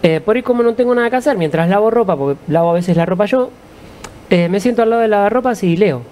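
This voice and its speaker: A man with an Argentine accent, a musician guest, answering in a calm, reflective storytelling way. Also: high-pitched, quick pace. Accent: Argentine Spanish.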